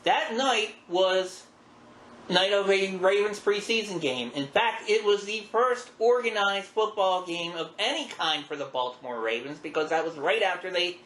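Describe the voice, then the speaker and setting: Bright-voiced, folksy middle-aged man in a roomy space. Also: high voice, normal speed. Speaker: podcast host. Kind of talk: casual chat, reminiscing about wrestling. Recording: roomy echo with background noise.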